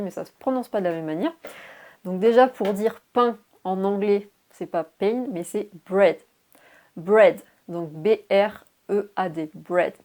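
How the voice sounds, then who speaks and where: A young woman teaching English in a casual video lesson, spelling words letter by letter and adding little fillers, her voice a bit worn as she clears her throat. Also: medium pitch, warm tone.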